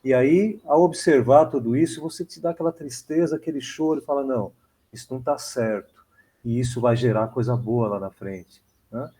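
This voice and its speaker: A man's voice: medium pitch, normal speed, warm tone, slightly rough. A man with a Brazilian accent speaking in a church Bible study, rambling and often tagging "né?". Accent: Brazilian Portuguese. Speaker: church member in discussion.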